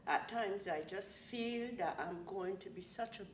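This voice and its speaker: A retired woman in her sixties from Barbados, a quadrille dancer answering interview questions slowly and thoughtfully. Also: medium pitch. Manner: slow, thoughtful, searching for words. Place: small studio with plain backdrop. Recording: roomy and distant, with audible hiss.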